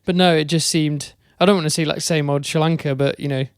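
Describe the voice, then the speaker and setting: A man's voice: on the high side, steady tone, a little fast, clear, resonant tone, no room sound, clean studio sound. A young man co-hosting a podcast, chatting casually about cricket with a thoughtful, hesitant delivery. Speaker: podcast co-host.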